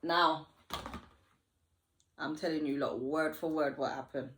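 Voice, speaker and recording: Woman, storytime vlog, slangy and lively, lowish voice. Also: measured pace. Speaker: vlogger. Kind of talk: storytime while getting ready. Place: home.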